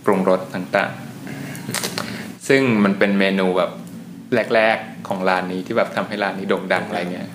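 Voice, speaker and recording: A man co-hosting a casual food podcast, explaining things in an unhurried way. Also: low-pitched, fairly even intonation. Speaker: podcast co-host. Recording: echoey room with faint noise.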